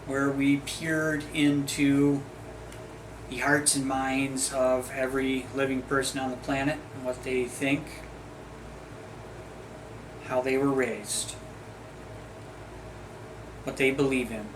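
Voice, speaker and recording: A man's voice: medium pitch, little pitch movement, slow, pauses often. Rambling middle-aged man over background noise. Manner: chatty, wandering, with jokey asides. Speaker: video host. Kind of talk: casual rambling monologue.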